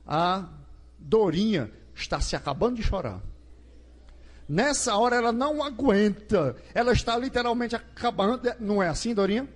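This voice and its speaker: Lively, high-voiced Brazilian preacher. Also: male voice. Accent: Brazilian Portuguese. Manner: asks the crowd questions and acts out scenes. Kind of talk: lively sermon. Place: large gymnasium.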